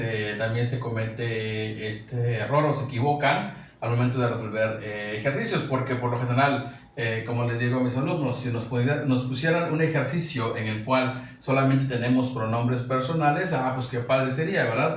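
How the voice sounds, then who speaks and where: A male English teacher talks through a grammar lesson in a very echoey room, standing some way from the mic. His pitch sits in a middle range, and he keeps checking in with listeners as he goes. A faint hum of room noise sits under his voice. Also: recorded from a distance. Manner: patient, repeats "¿ok?" and "¿verdad?" often; reads English example sentences slowly. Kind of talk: classroom-style grammar explanation.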